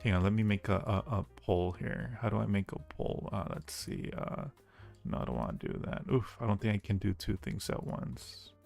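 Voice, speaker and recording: A man with a lowish, creaky, slightly mellow voice keeps a steady tone and normal speed as he hosts a livestream over background music. Also an audio roleplay creator, he banters casually and playfully with viewers and speaks to them warmly.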